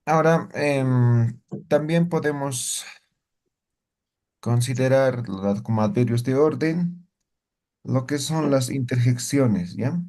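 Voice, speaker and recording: A man leads a language lesson at a slow, patient pace. He keeps asking the class questions and tacks on little checks for understanding. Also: medium pitch, warm tone. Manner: slow, asks students questions often, tag questions. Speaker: Aymara language teacher. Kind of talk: interactive class explanation.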